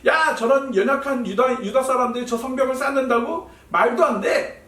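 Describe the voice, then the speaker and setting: A man's voice: very high-pitched, moderate pace, a bit bright, voice pushed up. A man voicing scornful male enemies who taunt and sneer at builders, in a children's Sunday school sermon. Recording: roomy echo, voice heard from a distance.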